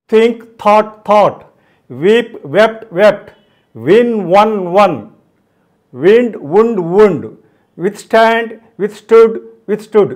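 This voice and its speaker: High-pitched guy with a telugu accent teaching grammar, chanting verb forms over and over like a drill. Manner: steady drill-like recitation, repeating each form twice.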